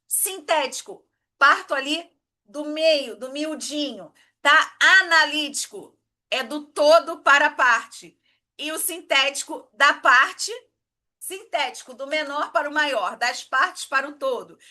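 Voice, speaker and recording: Bright, high-voiced woman teacher. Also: slow. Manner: explanatory, checks in with "tá?" and "né?". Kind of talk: exam-prep lesson.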